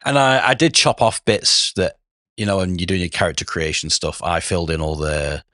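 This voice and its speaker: A man with a sore throat and a rough, hoarse voice, rambling casually as a podcast co-host. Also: deep voice, steady tone, normal speed, fairly bright tone, no room sound, clean studio sound. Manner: rambling, with frequent restarts and "like". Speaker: podcast co-host, game master. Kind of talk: casual chat.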